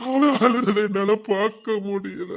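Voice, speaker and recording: A man's voice: high voice, normal speed, fairly bright tone. An actor playing a devoted young man grieving for his brother, his voice choked and tearful. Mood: tearful prayer. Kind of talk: emotional TV serial acting.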